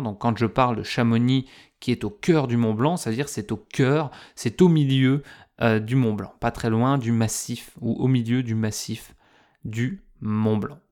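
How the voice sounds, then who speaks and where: A man teaching French vocabulary to learners, slowly and patiently explaining words with lots of repetition and speaking informally to the listener. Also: mid-range voice, darkish tone. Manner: addresses listener informally, fillers.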